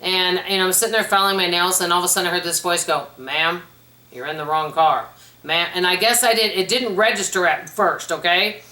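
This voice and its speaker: A woman's voice: fairly low pitch, fast. Chatty woman in an echoey room. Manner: chatty, animated storyteller. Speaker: YouTuber answering viewer questions. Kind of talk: casual question-and-answer vlog. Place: at home. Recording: roomy echo.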